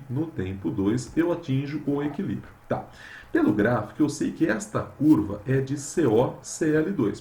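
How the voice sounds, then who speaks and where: A man's voice: mid-range voice, mellow, echoey room. A man teaching chemistry with a Brazilian Portuguese accent, working through exercises and repeating key words, calling his students "meus amores". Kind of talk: recorded lesson solving exercises.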